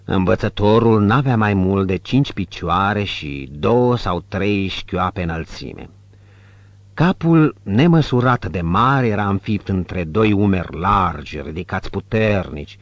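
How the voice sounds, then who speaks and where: A man narrating an audiobook in a measured, descriptive reading. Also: low voice, no echo, lo-fi sound. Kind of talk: scripted narration.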